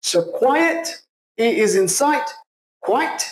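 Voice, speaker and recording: A teacher giving a vocabulary lesson at a board, slowly repeating example words and sentences for the class to follow. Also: high-pitched, animated, a little hiss or hum, poor audio. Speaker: English teacher.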